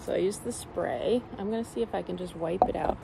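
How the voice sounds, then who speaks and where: A young woman talks fairly quickly in a low voice with vocal fry, heavy noise behind her. Camping in a forest, this car-living vlogger films on an arm's-length phone while thinking aloud casually, using plenty of fillers.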